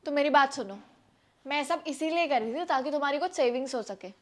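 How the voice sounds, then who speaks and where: A high-voiced woman, close to her everyday speaking voice, acts a young wife sternly persuading her husband to save money. She talks a little fast and steadily, a practical homemaker laying down the law. It's from a scripted family skit.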